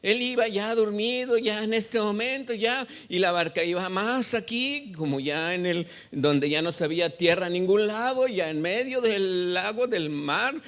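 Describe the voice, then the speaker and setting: A man's voice: sits high, measured pace, hardly any pauses, fairly bright tone. A male pastor preaching a sermon in a church, reading scripture and quizzing the congregation with call-and-response questions. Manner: reads scripture aloud and expounds it. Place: church sanctuary.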